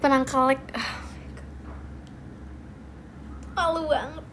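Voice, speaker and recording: A woman's voice: high voice, fairly even intonation, takes it slowly, fairly bright tone, slight background noise. A young woman hosting a casual livestream, chatting playfully with viewers, reading comments and giggling often. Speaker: livestream host.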